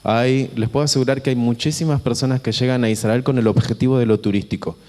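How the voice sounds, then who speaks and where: With a medium-pitched, steady and darkish voice, a man from Buenos Aires speaks to a congregation in an Argentine Spanish accent as a visiting preacher. His informal delivery is halting and chatty, repeating phrases and checking in with listeners, inside a reverberant church auditorium with a long echo.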